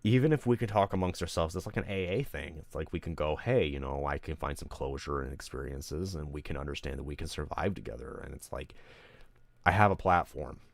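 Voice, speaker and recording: Brisk and gravelly, with a very deep voice, a streamer vents openly to the people watching his live broadcast. The dry recording captures him rambling, swearing heavily and letting his emotions show.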